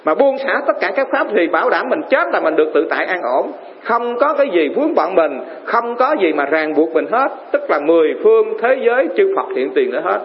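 A man's voice: high-pitched, very animated, fairly quick. A man preaching as a Buddhist monk to lay followers, often quizzing the audience. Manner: keeps quizzing the audience with questions. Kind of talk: sermon. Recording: reverberant hall, dull lo-fi sound.

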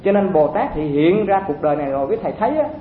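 A man's voice: sing-song, quick pace. A man giving a dharma talk to monks, in a conversational way with rhetorical questions. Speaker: Buddhist teacher addressing monks. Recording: echoey, phone-like sound with faint rumble.

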